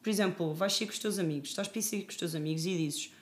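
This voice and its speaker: A woman's voice: fairly low pitch, rapid-fire. Young woman talking openly and reflectively. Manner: open, reflective, uses many fillers. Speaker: guest. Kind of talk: casual podcast conversation.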